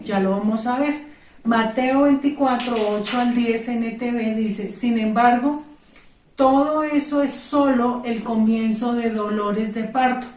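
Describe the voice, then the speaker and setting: A woman's voice: on the high side, darkish tone, far from the mic. Woman preaching in a roomy hall. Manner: emphatic, repeats key words. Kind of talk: sermon with prayer. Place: church hall. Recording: roomy sound from off-mic with faint music.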